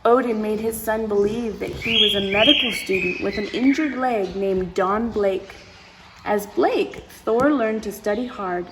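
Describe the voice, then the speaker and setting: Hosting story time, a woman with a voice on the high side reads a storybook aloud to young children. She is expressive, peppering the reading with exclamations and asides to her listeners. Background noise is clearly heard.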